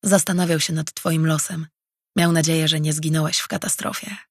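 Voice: mid-range voice, little pitch movement, moderate pace, husky, no echo, clean studio sound. A narrator voicing a sincere young man, a former apprentice, who answers in plain, brief replies. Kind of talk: audiobook character reading.

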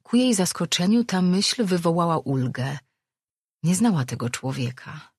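An audiobook narrator reading a fantasy novel with a steady, even delivery. The voice is husky and mid-pitched. It sounds close and dry. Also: measured pace, no room sound. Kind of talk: scripted narration.

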